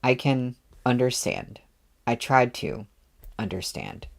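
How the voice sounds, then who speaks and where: A man's voice: medium pitch, sing-song, takes it slowly, gravelly, heavily acted. A man reading aloud, voicing a remorseful young man who speaks in short, faltering sentences. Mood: tearful, halting. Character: broken, remorseful young man, halting and tearful. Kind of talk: audiobook readalong.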